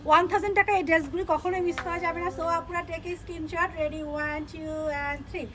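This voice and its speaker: Young woman doing a live clothing sale, super high voice, pushy and repetitive. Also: fairly even intonation, normal speed, a bit bright. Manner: repeats phrases, pushy upbeat selling, mixes English words. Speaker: online clothing seller. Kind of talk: live-stream sales pitch.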